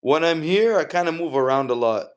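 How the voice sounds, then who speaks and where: This man's voice sits a little high, with lively intonation and a slightly quick pace. He's a pro boxer from Canada, chatting casually as an interview guest and spinning stories in relaxed, slangy talk.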